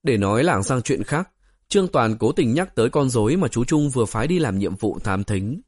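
A man narrating an audiobook story in a steady, even storytelling way. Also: medium pitch, brisk, no echo, clean studio sound.

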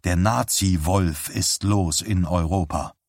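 A man reading an audiobook aloud in a grave, measured manner, close to the mic. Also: deep voice, darkish tone, dry recording. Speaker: audiobook reader. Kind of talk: dramatic audiobook narration.

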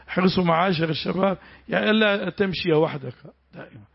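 A man with a raised, gravelly, husky voice leads a religious lesson. He comments on the text being read and breaks in with short prayers and affirmations. The recording sounds dull and lo-fi. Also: high voice, fast talker. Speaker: sheikh explaining a tafsir text.

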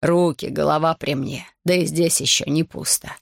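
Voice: mid-range voice, fairly even intonation, gravelly, dry recording, studio quality, natural voice. A reader doing a tearful old village elder. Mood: pleading, lamenting. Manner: slow, pleading, whining.

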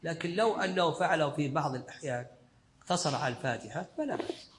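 A man's voice: fairly high pitch, lively intonation, quick pace, noisy background. A male sheikh giving a scholarly lesson commentary, explaining in short, repeated phrases. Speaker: sheikh teaching a fiqh text.

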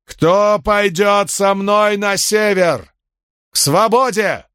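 A man's voice: mid-range voice, very animated, unhurried, no room sound, clean studio sound. A man reading an audiobook, voicing a bold male rebel leader who speaks emphatically to his followers. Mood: rousing. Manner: rousing, emphatic.

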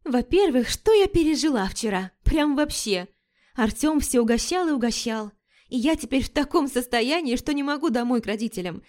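Woman putting on a pushy slangy young gal, way higher voice, flighty. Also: animated, a little mellow. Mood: chatty, cheeky. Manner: chatty and slangy, quick to take offense.

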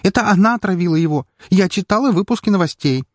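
A distraught young maid in an audiobook, clipped and strained, her hostility barely held back and her voice pitched high and husky, as a man puts her on. The sound is dry and close. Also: lively intonation, fast talker, no echo. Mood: agitated. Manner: clipped, strained speech through clenched teeth. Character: young maid, grieving, hostile and near tears.

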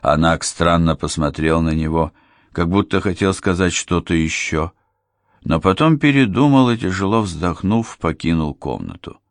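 A man narrating an audiobook with an even, measured reading. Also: low voice, no room sound, clean studio sound. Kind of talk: scripted narration.

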